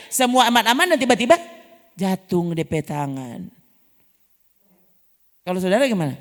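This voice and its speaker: A woman pastor with a North Sulawesi Manado Malay accent, preaching a sermon and firing rhetorical questions at the congregation. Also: mid-range voice. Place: large church hall. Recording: long church hall reverb.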